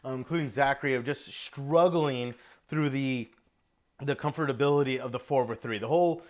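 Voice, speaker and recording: An energetic man coaching a drummer, explaining technique in a quick, friendly teaching voice. He sings the rhythms aloud as he goes, with a voice of ordinary pitch for a man. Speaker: drum instructor giving feedback. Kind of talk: video lesson feedback.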